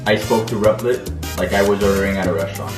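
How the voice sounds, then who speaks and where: A man's voice: deep voice, fast, echoey room. A man reading an upbeat scripted ad narration, played back in the show. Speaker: ad voiceover. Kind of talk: scripted ad narration over salsa music. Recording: ad audio played back with loud music bed. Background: loud Latin salsa music.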